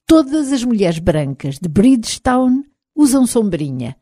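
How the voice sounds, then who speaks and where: A woman's voice: fairly high pitch, sing-song, a little slow, dark tone, no echo, clean studio sound, pitched above the performer's own voice. A woman with a European Portuguese accent reading a stern, fussy Irish ship's cook who insists on propriety. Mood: insistent. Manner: scandalized, insistent.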